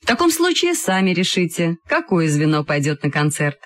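A woman voicing a calm, fair-minded schoolteacher speaking to her class in a measured way. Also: on the low side, no echo.

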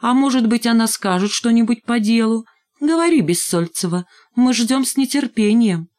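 A woman's voice: a little high, expressive, normal speed, darkish tone, pitched above the performer's own voice, natural voice. A woman reading aloud, voicing a sly schoolgirl with a drawling, falsely sweet manner. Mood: mocking.

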